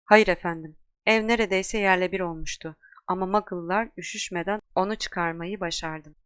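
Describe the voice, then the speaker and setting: A woman reading aloud puts on a big soft-hearted giant man, loud and humble, whose words break into sobs. He sounds higher than her plain voice, recorded dry and close. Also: steady tone, normal speed, smooth, dry recording, lightly acted. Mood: deferential. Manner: loud, deferential, sobbing. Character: huge tearful gentle male giant.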